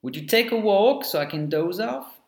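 A man voicing a sleepy, polite male storybook character who asks gently. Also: sits high, expressive, normal speed, gravelly, pitched above the performer's own voice. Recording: echoey room.

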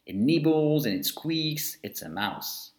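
A man narrating a children's storybook in an expressive, storytelling way. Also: on the high side, takes it slowly. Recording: echoey room.

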